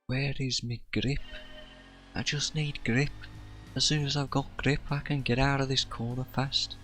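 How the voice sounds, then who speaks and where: A man giving casual, sarcastic commentary over his own racing gameplay, excitable and swearing when frustrated. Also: mid-range voice, measured pace, soft background music. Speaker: gaming YouTuber.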